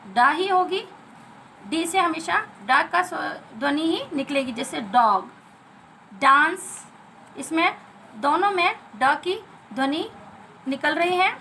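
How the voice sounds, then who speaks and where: A woman's voice: high-pitched, lively intonation, slow, long pauses, bright, forceful tone, slight background noise, rough recording. An Indian woman teacher giving a phonics lesson to children, spelling out letters and repeating each sound.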